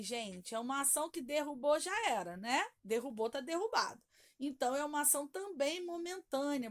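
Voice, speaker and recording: A Brazilian woman teacher patiently walking young pupils through homework, stretching key words and checking in often. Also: sits high. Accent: Brazilian Portuguese. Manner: patient, drawn-out stressed words, checking in with "tá bom?". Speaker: primary school teacher. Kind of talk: recorded homework walkthrough.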